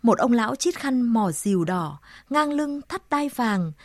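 A woman narrating a story in a slow, measured, solemn reading. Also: a little high, expressive, no room sound, clean studio sound.

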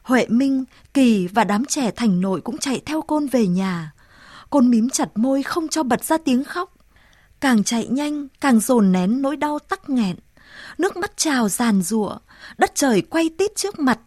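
A woman narrating a story aloud in a measured, solemn reading voice. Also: a little high, lively intonation, darkish tone, dry recording, studio quality. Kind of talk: audiobook narration.

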